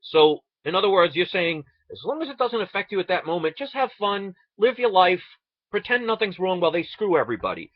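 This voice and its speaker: Animated, high-pitched man on an indignant rant. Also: brisk, no room sound, muffled recording. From United States. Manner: indignant, sarcastic, rhetorical questions. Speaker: online video ranter. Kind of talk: impassioned political rant.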